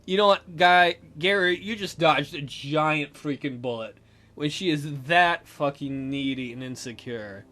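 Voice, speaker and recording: A let's player with a slightly high, bright, forceful voice reads a game's story aloud at a measured pace. He peppers the narration with sarcastic, sweary asides as joking commentary.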